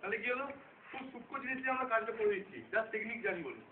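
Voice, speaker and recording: A man's voice: very high-pitched, rapid-fire. A man teaching self-defence in a live demonstration, often checking that his students follow. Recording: roomy, distant, phone-like sound with loud noise.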